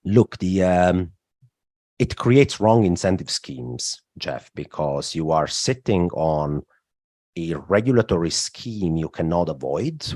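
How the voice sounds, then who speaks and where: A man from southern Italy speaks in a very low, deep voice. He explains at length as a podcast guest, leaning on "look" and "uh" as he builds each point. The sound is close and dry, with no room around it. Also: a little mellow, no echo. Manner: explanatory, frequent "look" and "uh" fillers. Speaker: guest, macro strategist. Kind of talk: podcast interview.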